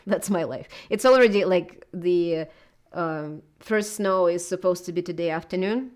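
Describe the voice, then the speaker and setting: Rambling Russian-accented woman, lowish voice. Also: measured pace, darkish tone. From southern Russia. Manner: rambling, hesitant, many filler words. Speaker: YouTuber being interviewed. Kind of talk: casual interview chat.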